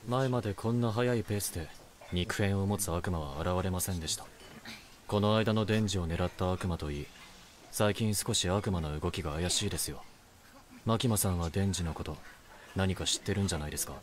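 An actor voicing a serious, reserved young male devil hunter in an anime, speaking in a measured way. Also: deep voice, slight background noise, natural voice. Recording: anime scene with bar crowd chatter.

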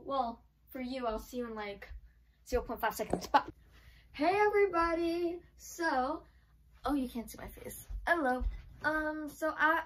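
A chatty woman vlogger talking through a clothing try-on, her speech full of "like" fillers. Her voice sits fairly high, and she is heard from a little way off the mic. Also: fairly bright tone, far from the mic, poor audio. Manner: chatty, filler-heavy with frequent "like". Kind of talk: casual try-on haul chat. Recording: voice from away from the mic.

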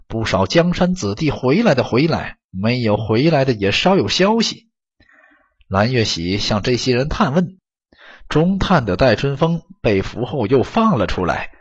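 A man narrating an audiobook story in an expressive, dramatic storytelling manner, on a dull lo-fi recording. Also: mid-range voice, slightly rough.

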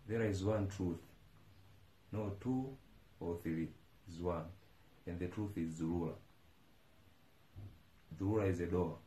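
A man's voice: low voice, unhurried, pauses often, dark tone. A young Tanzanian man giving a fervent, prayerful testimony with repeated praise, seated in a living room. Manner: fervent, declaring, repetitive praise. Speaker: church member giving testimony. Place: indoors on a sofa in a living room. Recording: echoey room.

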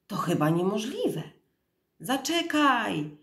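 A woman voicing a tiny, brave, exhausted male mouse with a high, squeaky voice in a storybook reading. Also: big pitch swings, slow, reverberant. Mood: urgent calling.

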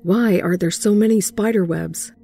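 A woman's voice: medium pitch, moderate pace, vocal fry, warm tone, slightly rough, soft background music. A woman voicing an irritable teenage boy who complains and snaps, in a horror story reading. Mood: irritated. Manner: complaining, snappish.

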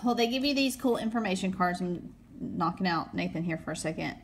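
This host, a woman in her thirties from Tennessee by her accent, unboxes snacks casually, reading product blurbs and asking questions. She speaks fairly quickly in a lowish, expressive voice, with slight background noise.

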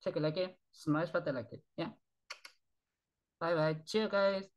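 A native Spanish speaker hosting his own channel sighs and rambles in halting, repetitive broken English, sounding tired. His voice is on the high side with a steady tone, captured by a desk webcam in a small bedroom.

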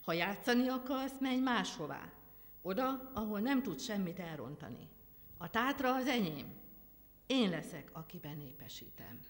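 A stern, wrathful God thunders and scolds, played by a woman reading a folk tale. The voice rises high and loud at its peaks, and a long hall reverb rings after it. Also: close to an everyday voice. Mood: angry. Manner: booming, scolding.

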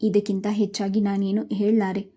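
A woman's voice: medium pitch, completely flat delivery, normal speed, mellow, close to an everyday voice. Woman voicing a tearful helpless young wife. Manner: pleading, tearful.

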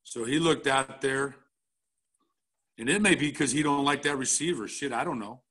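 Breaking down game film at a coaching clinic, this middle-aged football coach is casual and blunt, checking in with "all right?" again and again. He speaks at normal speed with a medium pitch and a fairly bright tone that has a breathy edge.

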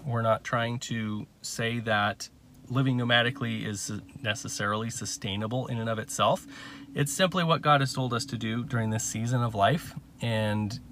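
There's slight background noise as a thirtysomething DIY teacher with a mid-range voice casually explains a home renovation step by step, using fillers. He films himself on a phone, often holding it while working, first in a car and then in the house under renovation.

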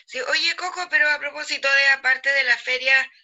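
A woman's voice: high-pitched, fairly even intonation, moderate pace, bright, forceful tone, muffled recording. A woman with a Chilean accent interviewing an artist over a call, friendly and hesitant with many fillers. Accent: Chilean Spanish. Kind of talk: casual remote interview.

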